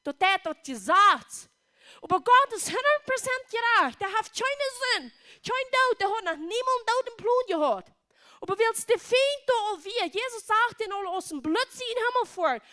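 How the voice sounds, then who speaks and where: A woman's voice: very high voice, animated, normal speed, bright, forceful tone. A woman with a Plautdietsch accent preaching a sermon in an emphatic, repetitive way.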